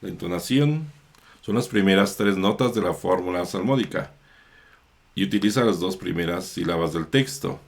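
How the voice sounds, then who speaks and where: A priest explaining how psalms are chanted, in a slow, measured lesson with small self-corrections. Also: male voice, low-pitched, lively intonation, creaky.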